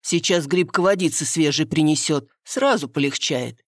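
A woman reading an audiobook, voicing a stout, kindly peasant woman of about fifty with a low chest voice and folksy, soothing speech. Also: moderate pace, no room sound, clean studio sound. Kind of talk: audiobook character voice.

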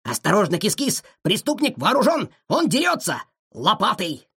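A reader voicing a loyal dog detective who gives hurried, alarmed warnings in a children's audiobook. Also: medium pitch, huge pitch swings, creaky, a bit bright, breathy edge, heavily acted.

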